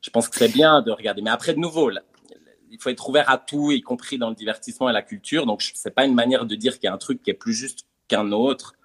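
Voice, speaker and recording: Man, husky voice, reflective, hesitant, casual conversation. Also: medium pitch, quick pace.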